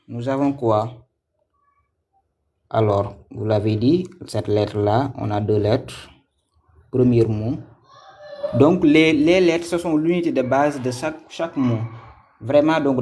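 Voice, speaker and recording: A man's voice: mid-range voice, dark tone. A man teaching Quran reading in a live-streamed lesson, patient and repetitive, who quizzes his viewers and thanks them by name. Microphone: livestream mic.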